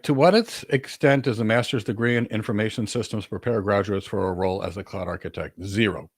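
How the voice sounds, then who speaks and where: A man with a lowish voice, a career coach and host, answers audience questions in an informal Q&A. He explains assertively and emphatically, repeating key words for stress. The sound is studio quality with no echo.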